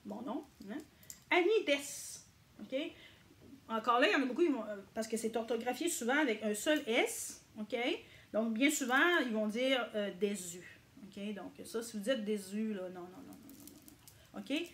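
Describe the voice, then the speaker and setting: A woman's voice: on the high side, normal speed. A woman giving a casual video lesson as a language teacher, checking in often with her viewers. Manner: chatty, checks in with frequent "ok?".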